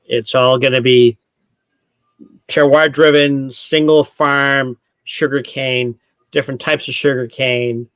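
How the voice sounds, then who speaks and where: A Canadian-raised distillery brand ambassador with a mid-range male voice leads a casual online tasting over video call, taking it slowly. He explains at length and rambles, often stopping to correct himself, in a close, dry recording with no room sound.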